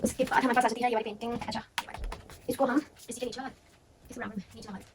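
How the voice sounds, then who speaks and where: A woman's voice: a little high, steady tone, racing, noisy background. A young woman thinking aloud as she works, often correcting herself in a casual vlog. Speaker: vlogger. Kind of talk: casual narration while decorating.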